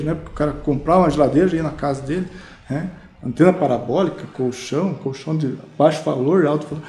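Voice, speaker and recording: This mattress salesman from Brazil speaks with a Brazilian Portuguese accent in a dark, fairly high voice. As a guest in a casual storytelling interview, he's animated and spins lively stories packed with fillers, recorded in a spacious podcast studio.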